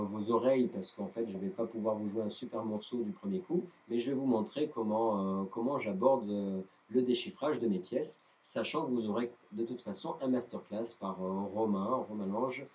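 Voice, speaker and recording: This lo-fi clip features a man whose voice sits on the low side and sounds a bit mellow. Speaking with a non-native French accent, he runs a live-streamed guitar lesson in a halting, self-deprecating way, with plenty of fillers.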